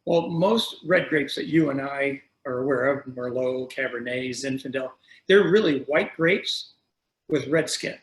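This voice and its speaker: A man's voice: medium pitch, unhurried, roomy sound, poor audio. A middle-aged man who runs a wine shop, hosting a video-call tasting in a casual, chatty way, telling stories and correcting himself as he goes. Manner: chatty, storytelling, self-correcting. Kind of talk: casual explanatory talk.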